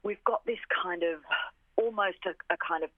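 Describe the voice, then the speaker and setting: Calling in to a radio interview as an orchestra representative, a woman speaks at normal speed in a fairly low voice. She is enthusiastic and emphatic, frequently repeating phrases. The audio is a tinny, narrow-band phone line without echo.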